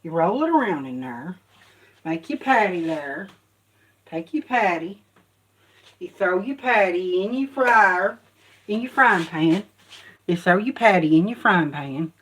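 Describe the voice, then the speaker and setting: A woman's voice: fairly low pitch, animated, measured pace, pauses often, fairly bright tone. Rambling woman cooking at home. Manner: rambling, repetitive folksy self-talk. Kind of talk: casual cooking commentary. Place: home kitchen.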